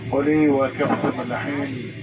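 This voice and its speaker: Man on a plane cabin loudspeaker. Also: mid-range voice, steady tone, lo-fi sound, over loud music. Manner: polite and formal, with a few filler pauses. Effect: plane cabin loudspeaker announcement. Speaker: flight crew announcer. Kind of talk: formal in-flight announcement.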